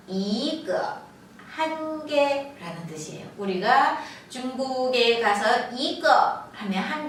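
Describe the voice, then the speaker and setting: Slow, high-voiced woman teacher in an echoey room. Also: fairly bright tone, far from the mic, a little hiss or hum. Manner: slow, drawn-out model pronunciations with repeated syllables. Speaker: Chinese language teacher. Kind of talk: Chinese tone lesson in Korean.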